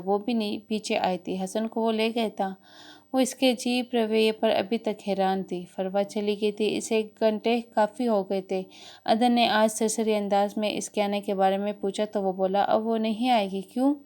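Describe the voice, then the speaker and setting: A woman reading a romance novel aloud as an audiobook, in a steady storytelling manner. Her voice is smooth and clear at a middle pitch. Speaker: audiobook narrator. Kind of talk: scripted narration.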